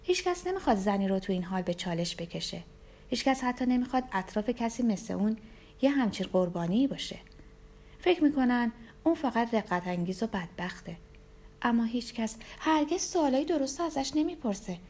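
A woman narrating a novel aloud in the first person, with a measured, even reading. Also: a little high. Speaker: audiobook narrator.

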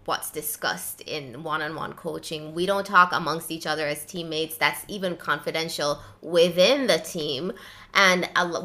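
A woman's voice: lowish voice, bright, forceful tone. A woman hosting a podcast interview, asking questions in an effusive, enthusiastic way. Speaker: podcast host. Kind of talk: conversational interview.

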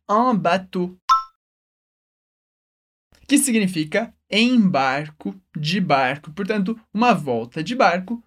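A woman with a Brazilian Portuguese accent teaching French, upbeat and encouraging, slowing words down for the listener to repeat. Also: medium pitch. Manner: upbeat, encouraging, says words slowly for repetition. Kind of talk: language lesson.

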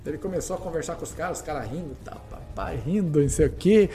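Fast-talking Brazilian man telling stories. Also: a little high, husky. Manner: animated, repetitive, acts out dialogue. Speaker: guest, footballer. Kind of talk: casual storytelling.

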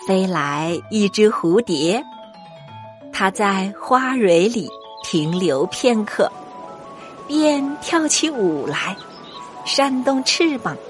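A woman's voice: medium pitch, very animated, drawn-out words, long pauses. A woman narrating a scripted story for young children as a storyteller. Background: music.

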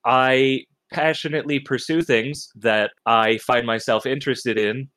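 A young man in his twenties from Canada, teasing deadpan in a casual family chat. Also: mid-range voice, measured pace. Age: 20s. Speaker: podcast co-host.

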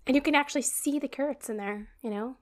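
Co-hosting a podcast, a woman with a slightly high voice chats in a loose, fast, unscripted way, like siblings talking casually. She rambles, stumbles over words with plenty of ums, and often laughs, her sentences trailing off into giggles.

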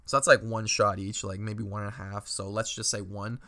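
A man's voice: fairly low pitch, steady tone, fairly quick, pushed and bright. Young man from Ontario telling party stories. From Ontario, Canada. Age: young adult. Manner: rambling, laughing, lots of filler words and swearing. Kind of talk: casual storytelling.

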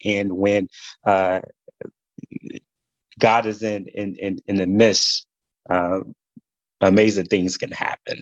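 A low-pitched man speaks with a Mississippi Southern drawl in a casual interview. He moves haltingly, often pausing and repeating words as he finds the thought. The recording is a little dull and roomy. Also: flat delivery. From Mississippi, USA. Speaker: podcast guest, military senior leader.

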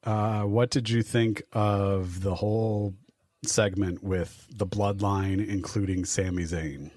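A man with a fairly low voice co-hosts a podcast, recorded dry and close. He chats casually, laughing often and acting out what others said. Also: fairly even intonation, slow, a little mellow, no room sound. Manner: laughs often, acts out quotes. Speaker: podcast co-host. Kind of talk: casual wrestling chat.

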